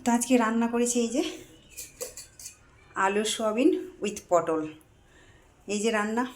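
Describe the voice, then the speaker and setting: A woman's voice: on the high side, unhurried, faint music behind. A middle-aged woman, chatting casually to her phone camera as she cooks at home. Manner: chatty, running commentary while cooking. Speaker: vlogger, mother cooking at home. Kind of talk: casual home cooking vlog. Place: home kitchen, indoors. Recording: echoey kitchen with faint frying noise.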